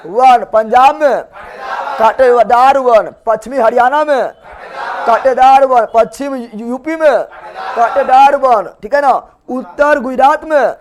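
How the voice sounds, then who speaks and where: Male teacher, very high voice, chants call-and-response in a classroom with students faintly answering. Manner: chanting call-and-response, repeats answers loudly, scolds playfully.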